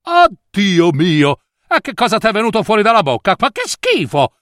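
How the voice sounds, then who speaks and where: A man voicing a greedy, bossy stepmother in a storybook reading, shrill and scolding. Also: very animated, unhurried, pushed and bright, no room sound, studio quality, exaggerated voice. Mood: furious.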